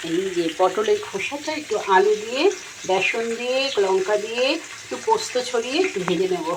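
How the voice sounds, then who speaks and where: A woman in her fifties, chatting homely and rambling as she cooks in her home kitchen, filmed on a phone camera. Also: mid-range voice. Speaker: cooking vlogger. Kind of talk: casual home vlog chat. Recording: home recording with frying noise.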